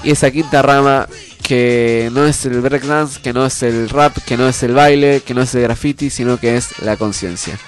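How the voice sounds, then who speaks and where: With music beneath him, a congested, nasal-sounding man with an Argentine accent hosts a community radio show, his cold obvious. He talks earnestly and conversationally at normal speed, with a medium pitch and fairly even intonation.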